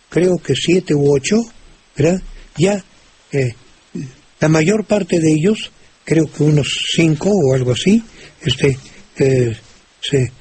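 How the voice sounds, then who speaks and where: Slow, hesitant older Mexican man. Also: fairly high pitch, a little mellow. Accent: Mexican Spanish. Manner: slow and hesitant, many restarts and fillers. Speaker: language expert answering listener questions. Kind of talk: radio call-in chat. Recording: old radio recording with faint hiss.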